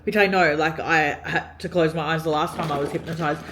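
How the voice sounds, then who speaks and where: A woman's voice: low-pitched, steady tone, fairly quick, a bit bright. A young woman telling a story while getting ready, chatty, swearing often and filling her talk with "like". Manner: chatty, heavy swearing, many "like" fillers. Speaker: vlogger.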